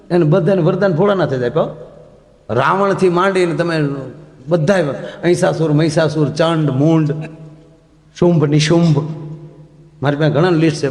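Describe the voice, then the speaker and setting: A man telling comic folk stories on stage, animated and acting out the people he quotes. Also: a little high. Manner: animated, acts out quoted characters, laughs along. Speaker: folk comedy storyteller. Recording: echoey hall, long reverb.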